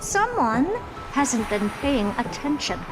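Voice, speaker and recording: An actress playing a haughty, smug young genius in a video game, speaking in a theatrical, condescending, taunting way. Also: female voice, sits high, very animated, slow, full character voice, low-quality recording. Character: haughty, smug young woman genius toying with her victim. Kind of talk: scripted video game voice acting. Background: game music.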